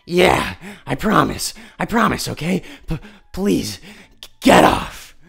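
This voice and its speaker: Man acting a gruff raccoon bully in a cartoon. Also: a little high, big pitch swings, takes it slowly, a crowd in the background, heavily acted. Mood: strained, pleading. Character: pushy raccoon bully, cowed when pinned down.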